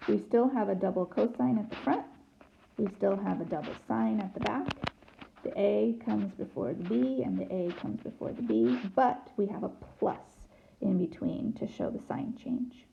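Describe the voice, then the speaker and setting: A woman's voice: medium pitch, vocal fry, dull audio, slight background noise. A woman math teacher recording a whiteboard lesson, chanting formulas out in rhythm with dry, teasing asides. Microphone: tablet mic.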